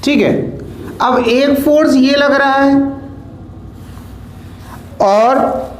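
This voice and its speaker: Guy physics teacher, really high voice, asks the class stuff then answers it himself, echoey classroom sound. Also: extremely slow, slight background noise. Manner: repeats words while tracing lines. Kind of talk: board lesson explaining step by step.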